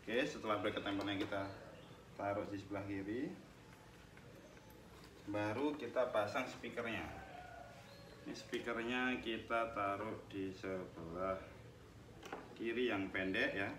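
This young man's fairly low, fairly even voice moves a little slowly, with frequent pauses, as he chats through a casual helmet review on his motovlog and takes the helmet apart. He speaks to viewers as "guys." A distant mic in a small indoor room with a tiled wall gives echoey, noisy sound.

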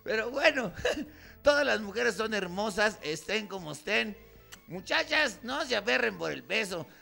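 A man's voice: sits high, lively intonation, measured pace, vocal fry, pushed and bright, faint music behind. A man with a Mexican accent doing a stand-up comedy routine, acting out both sides of a couple's quarrel.

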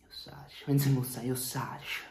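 A man's voice: medium pitch, little pitch movement, moderate pace, a little mellow, close to an everyday voice. A man in his twenties with a Neapolitan accent, acting a streetwise, menacing schemer in a dramatic monologue, moving between muttering and outbursts. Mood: bitter, menacing. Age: 20s. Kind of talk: acted dramatic monologue in dialect. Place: small bare room indoors. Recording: echoey bare room.

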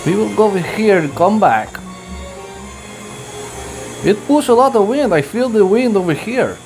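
Male hobby vlogger, high-pitched voice, casual indoor commentary in choppy broken English. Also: lively intonation, darkish tone, faint music behind. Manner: deliberately broken, halting English. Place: indoors at home.

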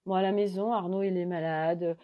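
A middle-aged woman, a holistic coach, telling a rambling, animated story in a casual live stream. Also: fairly low pitch, a little fast. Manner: rambling, chatty, animated retelling. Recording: dull lo-fi sound.

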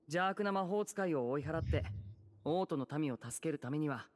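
A man voicing a gentle young magician. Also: fairly high pitch, animated, normal speed, a little hiss or hum, close to an everyday voice. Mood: earnest.

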